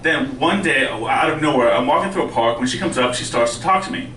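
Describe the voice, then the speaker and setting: Bright-voiced male comedian saying R like W. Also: mid-range voice, animated, brisk. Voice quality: speech impediment, soft R's said close to W. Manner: conversational, self-deprecating. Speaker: stand-up comedian. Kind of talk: stand-up comedy storytelling. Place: indoor live stand-up venue with audience. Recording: roomy live club, distant mic, faint noise.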